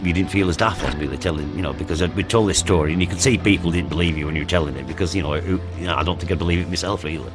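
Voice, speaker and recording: A man's voice: low-pitched, very fast, hardly any pauses, music in the background. An older man, telling his own story as an eyewitness in a rambling way, repeating himself. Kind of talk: recounting a personal story.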